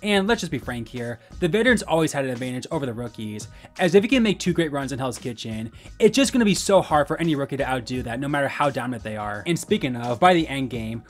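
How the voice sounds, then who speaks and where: A man hosts a scripted video essay at a quick clip. His pitch sits in the middle range, and faint music plays behind his narration. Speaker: host.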